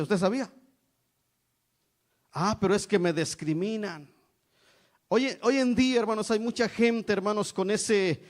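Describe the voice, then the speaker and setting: A middle-aged man from Mexico preaching an evangelical sermon, emphatic, calling out "brothers" again and again. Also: high-pitched. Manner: repeats "hermanos" constantly, emphatic preaching.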